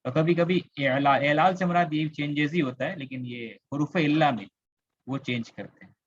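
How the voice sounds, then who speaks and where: A man's voice: fairly high pitch, normal speed, dull audio. A man with a Kolkata Indian accent teaching Arabic grammar in an online class, explaining patiently, repeating words and asking students questions. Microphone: computer mic on a video call.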